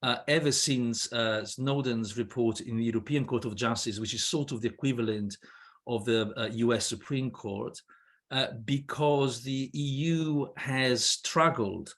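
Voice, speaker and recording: A Swiss man in his fifties, not a native English speaker, joins a panel discussion on a video call as a guest lawyer, his medium-pitched, fairly bright voice moving at a measured pace. He hesitates a lot, with many fillers and restarts. He's picked up by a laptop webcam in an indoor room with a wooden ceiling.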